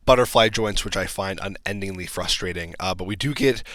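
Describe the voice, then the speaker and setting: A man's voice: low voice, a little fast, fairly bright tone, no echo. A man hosting his own channel, giving casual, chatty commentary on toy news, with lots of ums and likes and blunt opinions. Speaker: toy collector channel host.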